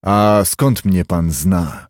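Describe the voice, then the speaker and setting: A male narrator gives a pale, stunted man a hoarse, low, subdued voice in this storybook reading. He speaks curtly and warily, with flares of anger. The sound is dry and close. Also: extremely slow, no echo. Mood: guarded. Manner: curt, guarded, with flashes of anger. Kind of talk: audiobook character voice.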